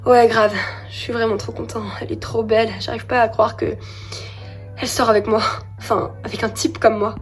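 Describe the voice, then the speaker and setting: A woman's voice: a little high, flat delivery, fairly quick, faint music behind, lightly acted. A woman voicing a shy, self-deprecating teenage boy in a fan drama. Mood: bashful. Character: nervous smitten teenage boy.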